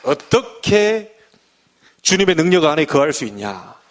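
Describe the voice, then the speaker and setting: Man, pastor giving a midweek sermon in church, slightly high voice with lively swings in pitch, chatty and acts out small scenes. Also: unhurried. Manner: lively, conversational preaching, acting out little scenes.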